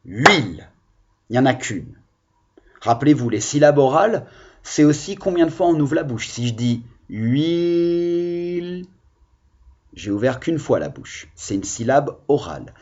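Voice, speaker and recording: A man teaching young children in a recorded lesson, patient and encouraging, stretching out the key words slowly. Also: mid-range voice, big pitch swings, warm tone, breathy edge, highs cut off. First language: French. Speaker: primary school teacher.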